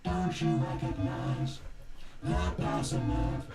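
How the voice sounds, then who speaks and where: Man singing through a clangy robot filter. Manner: slow, drawn-out singing with wide pitch leaps. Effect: ring-modulated clangy robot voice. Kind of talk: sung vocal sample. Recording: roomy and distant under loud music.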